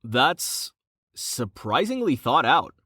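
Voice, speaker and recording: Guy reading as a careful young adventurer, level and sensible, slow. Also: medium pitch, very animated, bright, forceful tone, breathy edge, dry recording, clean studio sound, full character voice. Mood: earnest.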